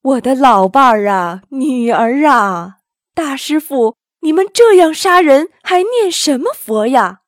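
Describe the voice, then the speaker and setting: A woman voicing a shape-shifting demon disguised as an old man, crying out in loud, sobbing pleas. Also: high voice, lively intonation, slow pace, no echo, studio quality, voice pushed up. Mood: wailing.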